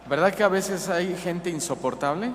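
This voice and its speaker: A man's voice: sits high, moderate pace, a little hiss or hum. A man with a Mexican accent preaching a sermon, chatting with the congregation, asking questions and mimicking people. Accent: Mexican Spanish. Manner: conversational, asks the congregation questions, mocking mimicry. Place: church hall. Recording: long hall reverb, faint ambience.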